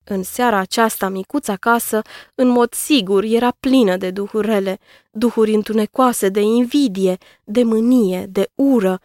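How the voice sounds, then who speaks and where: Woman reading a kids story aloud, calm and steady, mid pitch, dry close mic. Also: no room sound. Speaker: narrator. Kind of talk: scripted narration of a children's story.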